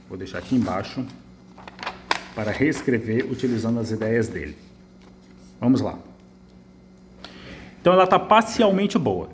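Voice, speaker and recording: Lively Brazilian teacher correcting an essay. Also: male voice, medium pitch, slight background noise. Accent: Brazilian Portuguese. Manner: lively, emphatic, repeats phrases while writing. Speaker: writing teacher.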